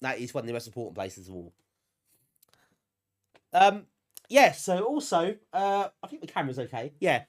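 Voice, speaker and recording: Slightly high and sing-song, this man's voice moves at normal speed with long pauses, stuffed up from a cold he's getting over. He's a British live streamer on a retro gaming stream, chatting casually, self-deprecating and appreciative of viewers.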